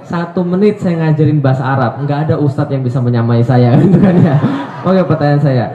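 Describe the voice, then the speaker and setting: A man preaching to a live audience in a hall, joking and tossing quick questions at the crowd, repeating playful tag questions. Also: on the high side. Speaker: Islamic preacher. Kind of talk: lively seminar talk to a live audience. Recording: echoey hall, dull lo-fi sound.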